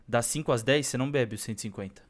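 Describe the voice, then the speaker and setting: A man's voice: mid-range voice, rapid-fire. A young male podcast co-host with a Brazilian Portuguese accent and a mid-range voice. His talk is informal and playful, thick with slang and the occasional curse. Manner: informal, playful, swears casually. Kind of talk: casual, slangy podcast chat.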